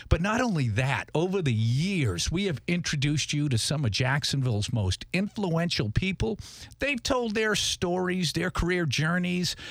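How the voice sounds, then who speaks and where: A man's voice: a little high, dry recording. A middle-aged man hosting a podcast in a studio, chatting casually and often tripping over repeated words. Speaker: podcast host.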